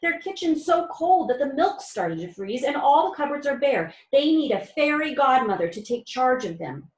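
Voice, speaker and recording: A woman's voice: sing-song, moderate pace. Woman putting on a fretful motherly mouse lady. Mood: forlorn. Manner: high, fretful and eager. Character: kind fussy motherly female mouse. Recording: roomy echo.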